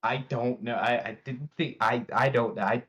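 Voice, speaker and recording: A man's voice: medium pitch, steady tone, normal speed, fairly bright tone, a little hiss or hum. A man commentating a fighting game tournament live, calling the action with dramatic hype. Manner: dramatic, hyping the players. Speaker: esports commentator.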